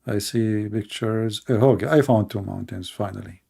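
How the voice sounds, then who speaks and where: Sarcastic man, mellow voice. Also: lowish voice, normal speed, gravelly, slightly rough. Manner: mocking, sarcastic. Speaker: video host. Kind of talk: comedic commentary.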